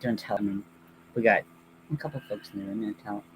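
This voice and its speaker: A man hosting a livestream, chatting casually in a halting, rambling way. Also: on the low side, a bit bright. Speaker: livestream host. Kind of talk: casual chat. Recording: clearly noisy background.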